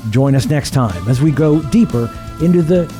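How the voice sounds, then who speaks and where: A man's voice: fairly high pitch, animated, normal speed. A man presenting a podcast, reading scripted credits and appeals to listeners. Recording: soft music behind.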